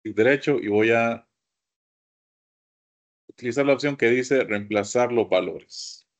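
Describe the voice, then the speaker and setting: A man's voice: medium pitch, unhurried, muffled recording. A man teaching a computer course, walking his class through each step and often asking them to look. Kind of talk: screen-share software lesson.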